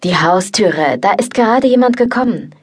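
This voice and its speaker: A woman reading an audiobook, voicing a relaxed, confident young man who shares a flat and casually gives orders. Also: mid-range voice, moderate pace, husky, pitched above the performer's own voice. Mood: alarmed. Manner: easygoing, bossy. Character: young man, laid-back, confident flatmate and lover. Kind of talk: audiobook dialogue.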